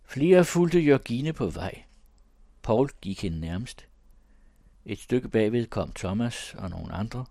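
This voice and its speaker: A man reading a classic story aloud in a measured, even tone. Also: medium pitch, creaky, no echo, studio quality. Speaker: audiobook reader. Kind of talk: storybook narration.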